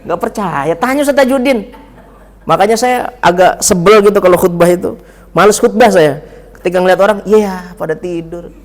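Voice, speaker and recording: High-voiced joking preacher in a reverberant mosque. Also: male voice, moderate pace, long pauses. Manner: joking, teasing the audience, animated storytelling. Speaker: ustadz giving a mosque lecture. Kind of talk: sermon. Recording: long reverb of a mosque hall.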